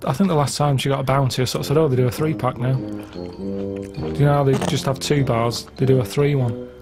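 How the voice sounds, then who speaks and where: A man with a deadpan, matter-of-fact way of telling everyday stories in casual comedy chat. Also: medium pitch, a little fast, music in the background. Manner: flat, matter-of-fact storytelling. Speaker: podcast regular.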